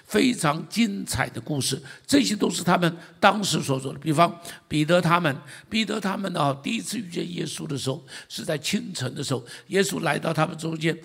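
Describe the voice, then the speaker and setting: A male pastor with a Taiwanese Mandarin accent, preaching a sermon in an animated way and putting questions to the congregation. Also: fairly high pitch, a little fast, gravelly, hardly any pauses, breathy edge.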